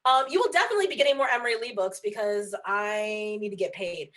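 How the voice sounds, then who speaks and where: Talking fast in a mid-range, fairly bright voice, a woman guest author is frank and open during a casual video call chat. Filler words and false starts pepper her speech.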